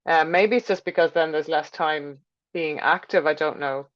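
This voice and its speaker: A woman's voice: low voice, moderate pace. A woman giving an informal health lecture with slides, explaining in a chatty way and thinking aloud as she goes. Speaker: teacher presenting a health class. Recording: dull, lo-fi sound.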